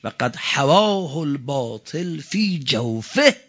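A male cleric delivers a fiery religious sermon in a slightly high, very animated voice, swinging between quiet moments and shouting. He chants Arabic quotations slowly, and the sound is dull and lo-fi.

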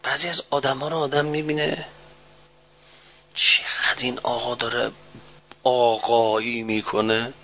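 A man preaching a sermon, dropping low and slow, then rising to loud, high-pitched shouting. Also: level tone. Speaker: cleric preacher. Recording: dull, muffled recording.

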